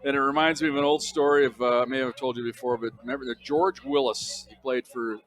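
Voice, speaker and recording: A man's voice: mid-range voice, steady tone, fast talker, fairly bright tone, no room sound. An older man calling a college football game on radio, chatty and fond of telling stories between plays. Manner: storytelling, chatty, chuckling. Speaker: play-by-play announcer. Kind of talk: radio sports commentary. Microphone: broadcast booth microphone.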